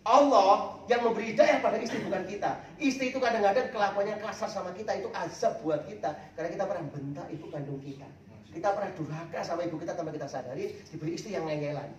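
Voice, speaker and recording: A man, delivering a lively, joking sermon to a congregation. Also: high voice, a little hiss or hum. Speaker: preacher. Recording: echoey, distant hall mic.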